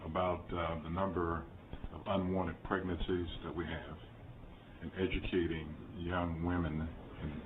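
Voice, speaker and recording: A man, a senator, making slow, deliberate committee remarks with pauses and "uh"s. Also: low voice, flat delivery. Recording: phone-like with clear hiss.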